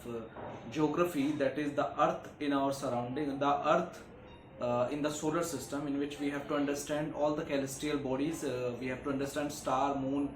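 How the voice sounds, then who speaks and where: A man teaching a geography lesson to schoolchildren, often filling pauses with "okay" and "uh". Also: medium pitch. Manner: frequent "okay" and "uh" fillers, repetitive explaining. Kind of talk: classroom lecture. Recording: echoey room, faint background noise.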